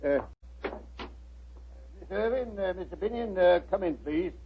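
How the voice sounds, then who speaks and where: An actor playing a deferential, plodding British police inspector in 1940s radio style. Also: male voice, sits high, animated, a little slow. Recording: dull, faintly noisy old radio.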